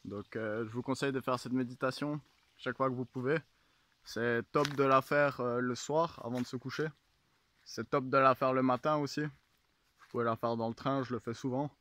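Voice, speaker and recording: Man with mid-pitched voice guiding meditation. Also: steady tone, normal speed, fairly bright tone. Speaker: meditation and tantra instructor. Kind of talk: guided meditation and informal instruction.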